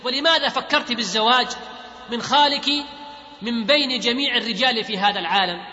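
Probing TV host, as a man reads him out; high, bright, roomy. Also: a little fast, a little hiss or hum, exaggerated voice. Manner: questioning, read out plainly. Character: probing male talk-show host. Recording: echoey hall, dull lo-fi.

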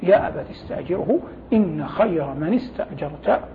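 A man's voice: on the high side, animated. A man speaking as a religious scholar, explaining scripture didactically in formal Arabic and reciting quotations. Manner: didactic, formal Arabic with pauses to gloss phrases. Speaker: religious scholar, programme guest. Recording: thin phone-like sound with faint noise.

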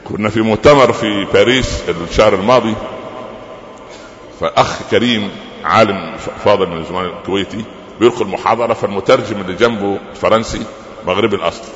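Egyptian guy preaching, lowish voice, dull lo-fi recording w a bit of hiss. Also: quick pace. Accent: Egyptian Arabic. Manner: lively storytelling with rhetorical questions and humorous asides. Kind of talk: sermon lecture. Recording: echoey hall, lo-fi with faint noise.

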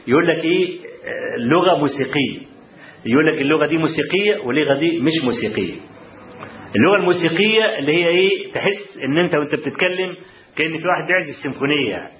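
A man with an Egyptian Arabic accent telling students about his college days, animated, often checking in with the audience. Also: on the high side, echoey room, narrow, tinny audio, slight background noise. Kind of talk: storytelling talk to students. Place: lecture hall.

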